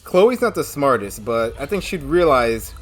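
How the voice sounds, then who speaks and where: A woman giving casual, expressive reaction commentary as the host of a video, often exclaiming. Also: very deep voice, normal speed.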